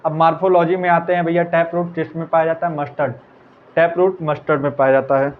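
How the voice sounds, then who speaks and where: A man teaching biology as a quick revision lecture, repeating answers and chatting casually with students. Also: on the high side, little pitch movement. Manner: casual, repeats answers, calls listeners brother. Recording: tinny phone-like audio, faint hiss.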